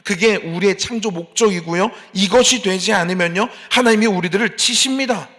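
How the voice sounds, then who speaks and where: A man's voice: sits high, fairly quick, fairly bright tone. A man preaching a sermon as pastor at an early morning church service, rising into emphatic appeals and acting out complaining believers. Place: church sanctuary.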